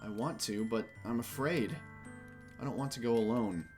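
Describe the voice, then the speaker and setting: A man reading aloud the lines of a shy, troubled young woman in love, soft and halting. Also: mid-range voice, faint music behind, natural voice. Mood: hesitant. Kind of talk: reading game dialogue aloud.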